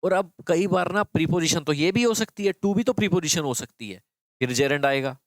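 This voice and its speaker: A man's voice: a little high, normal speed, dry recording. A man teaching an exam-prep English grammar lesson, explaining step by step and repeating key phrases to his students.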